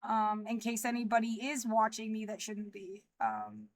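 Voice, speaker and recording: A woman in her thirties speaking in a livestreamed personal monologue, anxious and rambling, halting with frequent restarts. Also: mid-range voice. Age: 30s.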